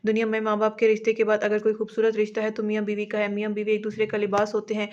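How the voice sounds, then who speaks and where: A woman voicing a loving, gentle middle-aged mother in an audio novel, in a soft and level reading voice. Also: medium pitch, monotone, very fast, natural voice. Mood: tender. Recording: dull lo-fi audio.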